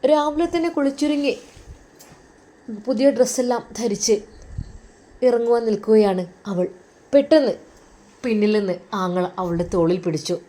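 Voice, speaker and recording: Woman, storyteller, Malabar accent, emotive, dramatic narration, somewhat high voice. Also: normal speed, long pauses, dark tone. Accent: Malabar Malayalam.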